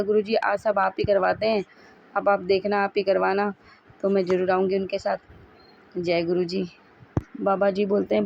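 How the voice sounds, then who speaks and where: Gravelly woman, dull phone recording. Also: medium pitch, a little hiss or hum. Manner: fervent, repetitive thanksgiving with halting restarts. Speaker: devotee sharing a testimony. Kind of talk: devotional testimony, casual recorded monologue. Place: at home, seated before a guru's picture.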